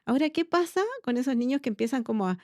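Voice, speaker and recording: A woman's voice: sits high, lively intonation, fast talker, darkish tone, no room sound. Chilean woman pediatrician, dry close sound. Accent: Chilean Spanish. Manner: explains patiently, frequent tag questions. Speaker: pediatrician, podcast host. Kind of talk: casual medical chat.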